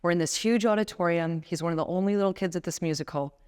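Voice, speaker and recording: A woman's voice: on the low side, fast, darkish tone, clear, resonant tone. A woman in her thirties giving a motivational talk as a guest speaker, emphatic and building to passionate appeals. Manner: emphatic, rising to passionate exhortation. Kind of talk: motivational talk to a live audience.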